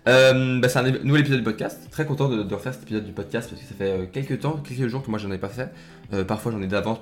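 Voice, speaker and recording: A young man hosting his own podcast, chatting casually and rambling with lots of fillers and restarts while addressing the listener directly. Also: lowish voice. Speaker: podcast host. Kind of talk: casual solo podcast talk.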